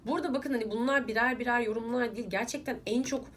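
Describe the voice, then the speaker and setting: A woman's voice: on the high side, steady tone, fast talker, a bit bright, a little hiss or hum. A young woman vlogger, casually ranting at viewers while doing her makeup, irritated and emphatic. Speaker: beauty vlogger.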